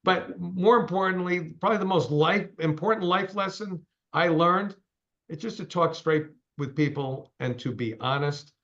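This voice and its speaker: A man's voice: sits high, normal speed, fairly bright tone, lo-fi sound. A man in his sixties, a company CEO, giving a straight-talking, emphatic interview over a call. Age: 60s.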